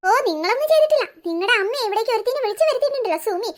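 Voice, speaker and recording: A woman voicing a fiery middle-aged wife and mother in a cartoon, sharp and confrontational. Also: very high-pitched, lively intonation, very fast. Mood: furious. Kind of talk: cartoon dubbing.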